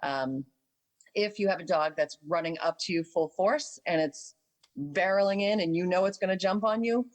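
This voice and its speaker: A woman, a dog trainer, explaining calmly and patiently in a casual chat, with filler ums. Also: on the low side, moderate pace, rough recording. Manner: patient, instructive, with acted dog voices.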